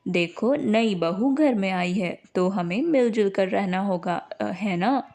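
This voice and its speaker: A woman voicing a gentle young husband who coaxes hesitantly in a cartoon story. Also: mid-range voice, slow, pitched below the performer's own voice. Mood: coaxing. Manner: soft, coaxing, hesitant.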